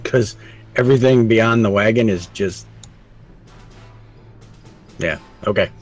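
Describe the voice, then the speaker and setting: A man's voice: on the low side, takes it slowly, faint music behind. A man playing a tabletop game with a groggy morning voice, hesitant and thinking aloud with fillers. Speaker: player.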